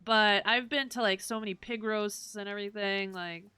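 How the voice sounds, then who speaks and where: Hey so southern gal streamer, bright crisp dry voice, just chattin and cussin over a game. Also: female voice, medium pitch, steady tone, moderate pace, dry recording, soft background music. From Southern United States. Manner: chatty, swears freely, reads game dialogue aloud. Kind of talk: casual gaming stream chat.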